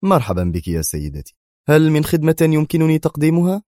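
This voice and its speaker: Reader doing a rattled, short-tempered male museum boss, lively delivery, dry close sound. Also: fairly high pitch, fast, dry recording, voice pushed up. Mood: worried. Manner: nervous, indignant. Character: anxious, irritable male museum director.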